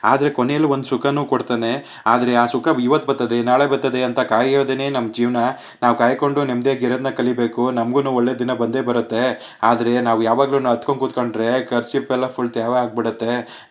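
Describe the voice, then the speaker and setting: A man's voice: mid-range voice, natural voice. A man reading as a teasing, kind young husband. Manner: teasing, coaxing and talkative. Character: kind, joking young husband who comforts everyone.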